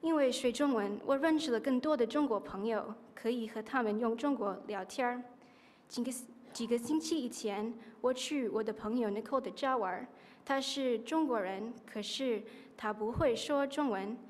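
A woman's voice: on the high side, moderate pace, a little mellow. A teenage girl giving a prepared speech in learner's Mandarin, sometimes repeating her phrases. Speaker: high school student contestant. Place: auditorium stage at a podium. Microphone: podium microphones. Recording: echoing auditorium hall.

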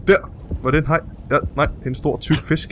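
A man hosting a co-op game session, commentating excitedly, swearing and yelping whenever something startles him. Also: on the high side, a little hiss or hum. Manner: jumpy, swears and yelps when startled. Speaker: let's play host.

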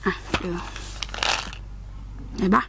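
A woman's voice: drawn-out words, heavy background noise. A woman chatting casually in a home product review vlog, rambling and teasing, with slangy asides. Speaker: vlogger. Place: bedroom at home.

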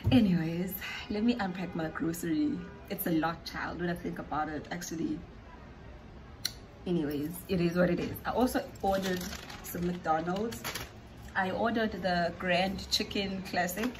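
South african woman chatting to camera at home, lowish voice, faint hum behind. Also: fairly even intonation, normal speed, rough recording. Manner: chatty, repeats words for emphasis. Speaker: vlogger. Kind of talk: casual vlog chat.

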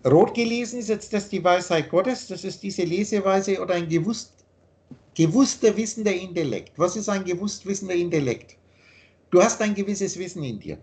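Belehrender Mann mit hoher Stimme. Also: male voice, high-pitched, normal speed, a little mellow. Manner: repetitive, earnest, lecturing. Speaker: teacher explaining his teaching. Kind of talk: explanatory monologue in a video call. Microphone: video call.

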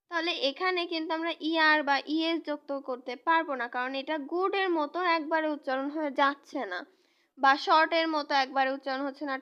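High-voiced woman teaching grammar slowly. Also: a bit bright. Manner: slow, repeats and spells out words. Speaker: English teacher. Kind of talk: explaining grammar to students.

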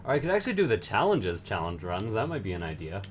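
A man's voice: lowish voice, wildly swooping pitch, fast talker, a little hiss or hum. A young man giving casual livestream game commentary in a rowdy, silly, tipsy party-animal way. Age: young adult. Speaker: livestream host playing a video game. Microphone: microphone pulled close to the face. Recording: dull lo-fi stream audio with music. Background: game music.

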